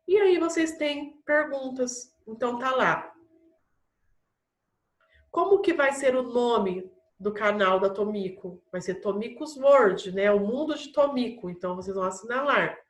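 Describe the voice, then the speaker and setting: A woman teacher with a Brazilian Portuguese accent speaks to young pupils in a fairly high voice. She talks patiently and goes through each task step by step. The sound comes from a camera mic in a room with noticeable echo. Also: unhurried. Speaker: primary school teacher. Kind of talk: recorded online class for children.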